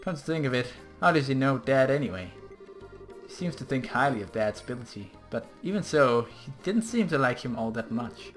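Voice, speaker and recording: A man's voice: medium pitch, sing-song, fairly quick, soft background music, natural voice. A man voicing a feisty, hot-tempered teenage girl in a video game, snapping back indignantly. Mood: grumbling.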